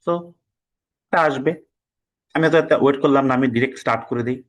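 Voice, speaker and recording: A man's voice: medium pitch, steady tone, low-quality recording. A man from Bangladesh teaching an online test-prep class. He lectures casually, mixes English words into his talk, and scolds his students now and then. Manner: reads practice passages aloud slowly and deliberately.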